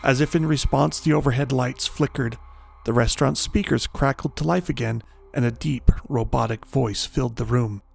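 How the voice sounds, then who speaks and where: Gravelly male horror storyteller. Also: medium pitch. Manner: measured, dramatic storytelling. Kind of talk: scripted horror narration.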